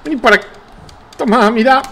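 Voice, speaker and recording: A man with an Argentine accent giving excitable, profane commentary while playing a wrestling video game. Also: very high voice, fast talker, a little hiss or hum. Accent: Rioplatense Spanish. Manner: excitable, swearing, taunting the game. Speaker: gameplay streamer. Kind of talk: casual gameplay commentary.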